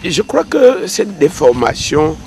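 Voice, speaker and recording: A Cameroonian theater actor speaking as an interview guest, slow and thoughtful, pausing often. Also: male voice, fairly high pitch, very animated, darkish tone. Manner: slow, thoughtful, with many hesitations. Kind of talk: casual interview conversation. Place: outdoors at a rural home. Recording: faint outdoor noise.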